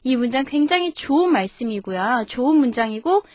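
A woman, an English teacher, reading a Bible story slowly in two languages, then explaining phrases in a friendly, careful way. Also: high voice, lively intonation, dry recording.

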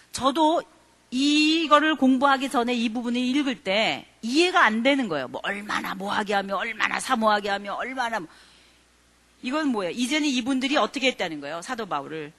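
A woman's voice: on the high side, a bit bright. A woman giving a Bible study lecture, explaining scripture conversationally and asking her listeners rhetorical questions.

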